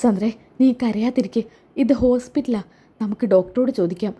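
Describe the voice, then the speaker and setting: A woman voicing a calm middle-aged father who soothes his upset wife. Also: fairly high pitch, fairly quick, breathy edge. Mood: soothing. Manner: soothing, steady.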